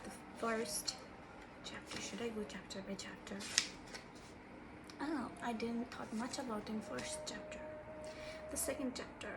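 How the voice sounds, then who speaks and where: Woman, Bengali accent, unhurried and halting book chat, self-deprecating, medium pitch, clear background noise. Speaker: book reviewer. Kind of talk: casual unscripted book chat.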